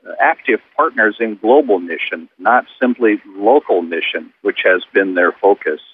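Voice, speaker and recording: A man's voice: lowish voice, animated, moderate pace, slightly rough. A man giving interview comments as a ministry spokesman over a tinny phone-like line. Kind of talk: interview sound bite.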